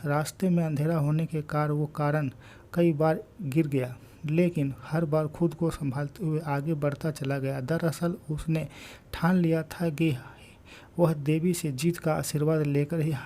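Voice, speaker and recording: A man's voice: fairly high pitch, mellow. A man narrating a short story, reading along with frequent slips and restarts.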